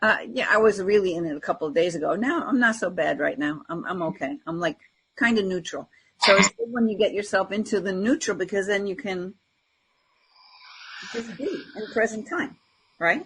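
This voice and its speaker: A woman co-hosting a spiritual talk show speaks at a medium pitch and normal speed, her tone a bit bright. She chats informally and reflectively in unscripted conversation about spirituality, often voicing her inner self-talk. The recording is low quality, with a little hiss or hum.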